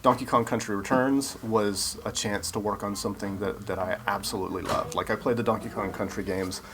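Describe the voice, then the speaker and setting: Amid background crowd chatter, a male game developer explains things earnestly as an interview guest in a relaxed setting. His voice is lowish and brisk, with fairly even intonation, and there's background noise.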